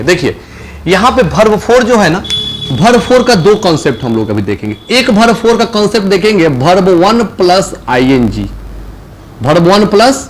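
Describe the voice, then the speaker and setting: Male tutor with a Hindi accent, high and very lively delivery, quizzes his class and answers himself, faint hum behind. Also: low-quality recording. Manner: asks the class questions and answers them himself; repeats key phrases slowly for emphasis. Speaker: English teacher. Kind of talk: classroom grammar lesson.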